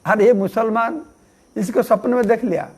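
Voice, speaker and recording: Man, high voice, conversational sermon, acts out story voices, crickets chirping behind. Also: moderate pace, breathy edge. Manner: frequent affirming "haan" fillers. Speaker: monk preacher.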